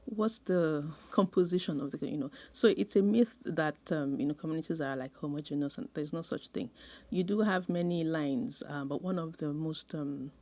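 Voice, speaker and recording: Woman guest expert, low pitch, thoughtful and measured, pauses often. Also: a little mellow. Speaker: sociologist guest. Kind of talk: conversational interview answers.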